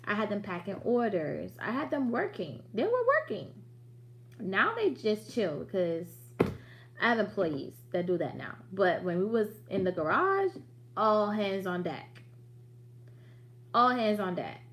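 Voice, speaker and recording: A woman's voice: medium pitch, sing-song, unhurried, fairly bright tone. A woman in her late thirties hosting a business livestream in a chatty, direct, motivating way with slangy asides. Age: late 30s. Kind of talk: casual livestream talk.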